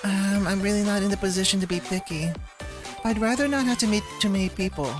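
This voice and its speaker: Playing a shy young girl who develops games, a woman sounds anxious and easily flustered, stammering hesitantly at a medium pitch. She talks fast in a natural voice, and game music is clearly audible behind her.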